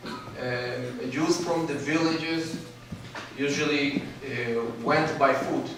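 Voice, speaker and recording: A man from Ethiopia, probably in his forties, telling his life story as a guest speaker. He talks haltingly and pauses for fillers often. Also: fairly high pitch, steady tone, background noise. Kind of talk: personal story speech. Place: large hall. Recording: very echoey hall from far off.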